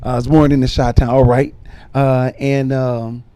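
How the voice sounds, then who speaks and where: A mellow, smooth, medium-pitched voice keeps a level tone and measured pace. It belongs to a middle-aged bishop and minister from Chicago, raised in Detroit, who tells his life story casually on a podcast with frequent fillers.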